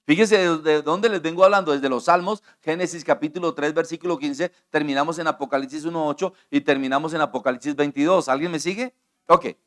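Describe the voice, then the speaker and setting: A man preaching a sermon as pastor at a church altar, impassioned, moving from hushed asides to shouting and asking the congregation questions over and over. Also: a little high. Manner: asks the congregation frequent questions.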